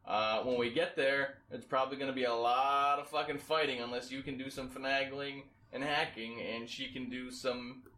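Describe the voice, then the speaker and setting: A man playing a tabletop game, talking bluntly and casually, swearing freely and thinking out loud. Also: mid-range voice, flat delivery, moderate pace, hardly any pauses, reverberant, slight background noise. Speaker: player. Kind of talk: casual chat.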